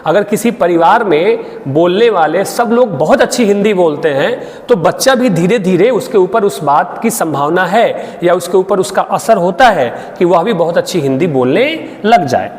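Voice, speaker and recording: A man's voice: high voice, expressive, normal speed, few pauses, big-room sound. A man from Bihar lecturing, explaining to students and checking often that they follow. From Bihar, India. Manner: explains with frequent checks and tag questions. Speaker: Hindi literature teacher. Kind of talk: online exam-prep lecture.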